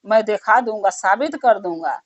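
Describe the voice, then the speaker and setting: A woman's voice: mid-range voice, animated, moderate pace, lightly acted. A woman voicing a proud middle-aged male shopkeeper who talks insistently. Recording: dull muffled recording.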